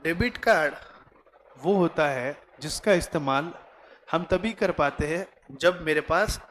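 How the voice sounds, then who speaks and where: A man teaching a commerce class, questioning students and explaining slowly in a classroom. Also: fairly high pitch, a bit bright, slight background noise. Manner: mixes Hindi, Marathi and English, quizzes students; slow, deliberate explaining. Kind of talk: classroom lecture.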